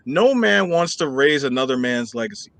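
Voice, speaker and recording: A man's voice: medium pitch, animated, moderate pace, gravelly, a bit bright, no room sound. A man in his thirties co-hosting a podcast, talking bluntly and emphatically and often checking for agreement. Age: 30s. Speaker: podcast co-host. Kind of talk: casual opinion chat.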